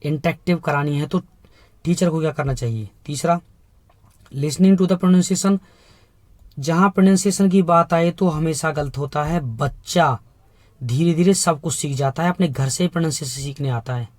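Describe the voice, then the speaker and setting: A man teaches an exam-prep lesson in a fairly high voice. He talks emphatically, asks his class rhetorical questions and repeats key points. The sound is close and dry, with no room echo. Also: moderate pace, a little mellow. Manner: explains in Hindi mixed with English terms, asks rhetorical questions.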